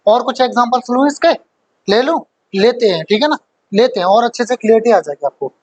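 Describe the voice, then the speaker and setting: A man's voice: very high-pitched, fairly quick, a little mellow, poor audio. A man teaching an exam-prep grammar lesson, joking with his students, quizzing them and laughing often.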